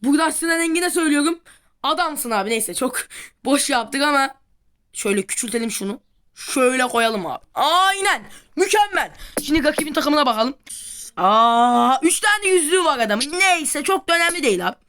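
A woman hosting a football video game, commentating excitably and shouting at the plays. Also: high voice, a little fast. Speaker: gaming video host.

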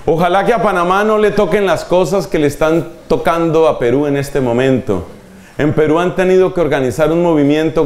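A male preacher delivering a spirited sermon at a church gathering. His voice sits slightly high and swings up and down for emphasis. The sound rings through a roomy, echoing hall. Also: slight background noise. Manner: animated, shifting pitch for emphasis and quoted children. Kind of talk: sermon to a live audience. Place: large hall at a church retreat. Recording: echoey hall.

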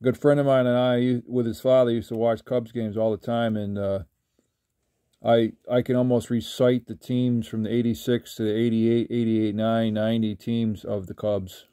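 An older man talking casually while sorting trading cards, rambling with halting restarts. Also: mid-range voice, little pitch movement, mellow, smooth, dry recording, clean studio sound. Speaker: trading card collector. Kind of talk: casual card-flipping commentary. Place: indoors at a table.

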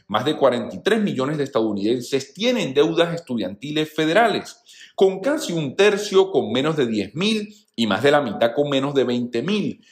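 Animated man giving news commentary. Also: a little high. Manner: animated, addresses viewers as friends. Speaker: news channel host. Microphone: voice-over. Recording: roomy echo.

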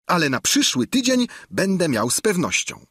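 A man's voice: a little high, huge pitch swings, moderate pace, bright, forceful tone, slightly rough, no echo, clean studio sound, voice pushed up, exaggerated voice. A man voicing an evasive, boastful innkeeper in an audiobook, always making excuses. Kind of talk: audiobook reading.

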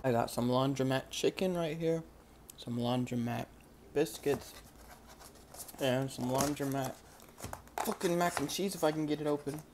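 Deadpan young man reviewing food. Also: mid-range voice, moderate pace, long pauses, noisy background. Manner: dry, deadpan, crude humor. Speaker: comedy vlogger. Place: small indoor laundromat by a window. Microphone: phone camera held close.

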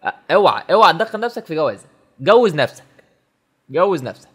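A man's voice: on the high side, very animated, fast talker, background noise. A man with an Egyptian Arabic accent giving teasing, mock-exasperated comedy commentary on a sketch. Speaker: comedy reaction host.

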